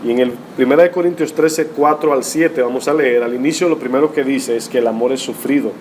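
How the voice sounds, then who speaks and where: A man's voice: mid-range voice, a little fast, darkish tone, slight background noise. A male pastor preaching a sermon in a teaching tone, often asking rhetorical questions and reading scripture aloud. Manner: rhetorical, teaching tone with frequent "¿verdad?" tags.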